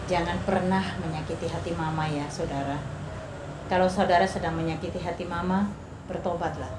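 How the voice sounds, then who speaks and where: Woman interviewer with gentle exhortations. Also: fairly low pitch, fairly even intonation, fairly quick. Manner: prompting questions, gentle exhorting to viewers. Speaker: host and ministry interviewer. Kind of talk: interview with preaching asides. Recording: echoey room with background noise.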